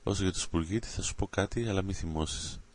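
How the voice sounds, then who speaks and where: A man voicing a dim-witted, always hungry boy who mumbles in a low, sleepy way. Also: a little mellow, natural voice. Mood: dazed.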